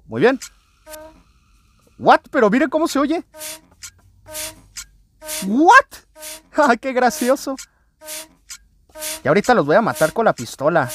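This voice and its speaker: An excitable man, hosting a let's play video and talking to his viewers as he plays. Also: very high voice, slow, pauses often. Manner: excitable, often addresses viewers as friends. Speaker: gaming channel host.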